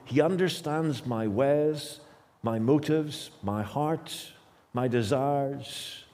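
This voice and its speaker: A Northern Irish man in his fifties preaches an emphatic sermon at a lectern in a church hall, his mid-range voice extremely slow and a little mellow. He repeats himself, then surges into sudden bursts of speed. Stand mics at the lectern and a far camera pick him up.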